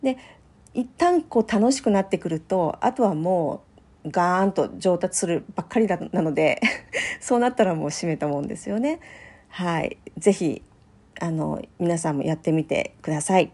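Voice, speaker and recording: A middle-aged woman talking alone on her podcast in a gentle, chatty way, with many small fillers. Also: fairly low pitch, animated, normal speed, breathy edge. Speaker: podcast host. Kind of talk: solo podcast talk.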